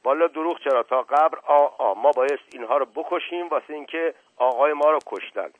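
A man voicing an excitable, loyal rustic male servant who shouts in agitation. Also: fairly high pitch, no room sound, pitched above the performer's own voice, close to an everyday voice. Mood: agitated shouting. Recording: narrow phone-like band, dry.

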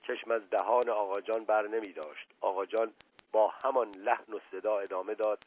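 A man narrating a story in a measured, expressive reading, heard over a narrow-band radio broadcast. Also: lowish voice, slightly rough.

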